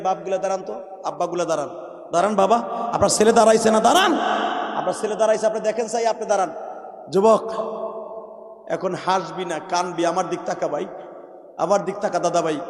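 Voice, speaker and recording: A man preaching an emotional sermon at a large outdoor gathering, pleading, shouting and breaking into sung prayers. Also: sits high, reverberant, big-room sound. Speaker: Islamic preacher.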